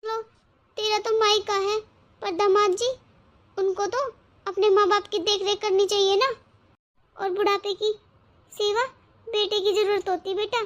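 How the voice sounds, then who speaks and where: A woman's voice: extremely high pitch, level tone, measured pace, pauses often, dull audio. A fretful older cartoon mother. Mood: scolding. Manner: scolding then fretting.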